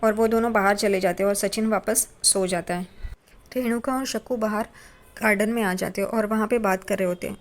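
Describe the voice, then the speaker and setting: A woman's voice: medium pitch, fairly even intonation, a little fast. A woman casually retelling a TV serial episode, briefly voicing each character's lines. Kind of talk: casual storytelling recap.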